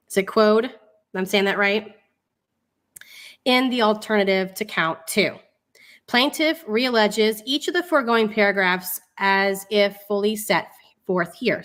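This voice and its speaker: Reading aloud one moment and dropping offhand comments the next, a woman runs a live online commentary in a sarcastic, mocking, informal style. Her voice is medium-pitched with a fairly bright tone.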